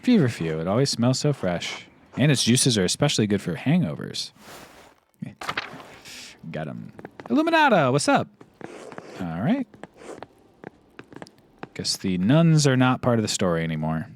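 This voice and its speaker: A man's voice: mid-range voice, huge pitch swings, normal speed, pauses often, a little hiss or hum. A man streaming a game, thinking aloud in casual commentary and musing with many fillers. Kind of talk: casual let's-play commentary.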